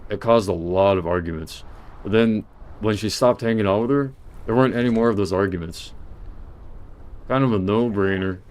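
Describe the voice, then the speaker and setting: Low-voiced man rambling on a livestream. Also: a little fast, a little mellow. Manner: meandering, restarts, talks to his mother off camera. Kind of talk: casual rambling livestream monologue.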